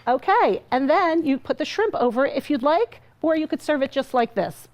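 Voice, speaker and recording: A woman's voice: sits high, expressive, normal speed. A woman guest cook in a TV studio kitchen, chatty and bubbly, laughing often as she walks through recipes. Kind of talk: TV cooking segment.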